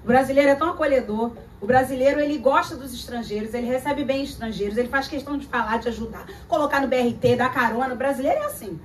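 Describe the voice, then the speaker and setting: A Brazilian woman preaches a lively sermon with a high voice, acting out the people in her stories and hammering phrases through repetition. She is picked up from some distance away, with a faint hum of noise behind her. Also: fast, few pauses. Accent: Brazilian Portuguese. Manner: dramatic storytelling, acting out voices and repeating phrases. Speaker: pastor.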